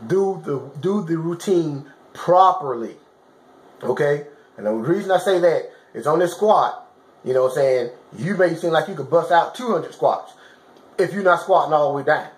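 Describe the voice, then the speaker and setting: A man's voice: on the high side, expressive, normal speed. A man giving casual motivational fitness advice to camera in colloquial, informal phrasing, emphatic and repetitive, often checking that listeners understand. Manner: emphatic, repetitive coaching with frequent check-in questions. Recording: roomy, echoing sound.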